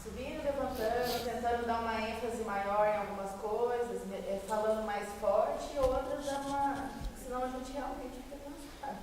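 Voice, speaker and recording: A woman's voice: on the high side, fairly even intonation, moderate pace, few pauses, a little mellow, a little hiss or hum. Brazilian woman, audience member, offers her view conversationally, distant and echoey. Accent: Brazilian Portuguese. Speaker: seminar participant.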